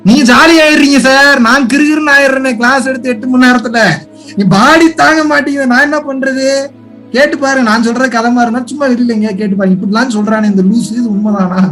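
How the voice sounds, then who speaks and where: A man from India with a strikingly high voice, teaching spirituality in an impassioned online talk. He pleads and fires rhetorical questions, swinging from quiet asides to loud appeals. Faint music sits behind him. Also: fairly even intonation, fast talker.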